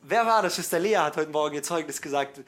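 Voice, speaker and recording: A middle-aged man preaching a sermon to his congregation, folksy and joking, dropping to hushed asides and then building to loud, emphatic passages. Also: a little high, quick pace. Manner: folksy, joking, addresses listeners directly.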